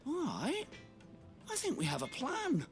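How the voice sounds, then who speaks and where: A man's voice: extremely high pitch, huge pitch swings, unhurried, full character voice. An actor playing a wry, practical older craftsman in a video game. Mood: thoughtful. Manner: wry, thoughtful. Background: game music.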